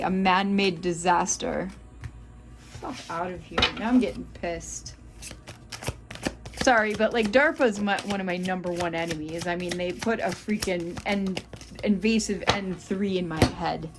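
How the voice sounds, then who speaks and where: A woman's voice: medium pitch, noisy background. A woman giving a tarot reading to her viewers, exasperated, muttering and swearing between cards. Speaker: tarot reader.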